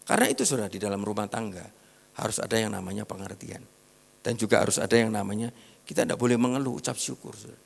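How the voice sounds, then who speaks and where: A man's voice: fairly low pitch, gravelly. A middle-aged man with an East Javanese accent preaching a sermon, telling stories and acting out the voices of the people in them. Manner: storytelling, mixing in regional slang, acting out quoted voices. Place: large church hall. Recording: long hall reverb.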